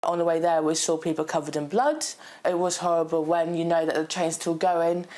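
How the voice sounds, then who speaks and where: A woman's voice: on the low side, fairly even intonation, brisk, a little mellow. A woman witness recounting what she saw, rambling with fillers, in a news interview clip.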